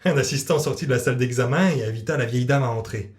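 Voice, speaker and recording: A man narrating a children's audiobook in a lively, expressive way. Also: mid-range voice, quick pace.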